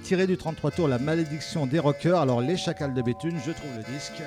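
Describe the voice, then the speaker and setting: A man's voice: on the high side, quick pace. A man hosting a radio show, introducing records in a jokey, rambling way with fillers. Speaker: radio host. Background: music.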